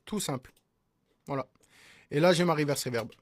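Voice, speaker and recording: Chatty man giving a software tutorial. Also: on the high side, normal speed, a little hiss or hum. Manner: chatty, peppers speech with "hein" and "d'accord?"; addresses viewers as "les gars". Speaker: music production tutor. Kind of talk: casual screen-recorded tutorial.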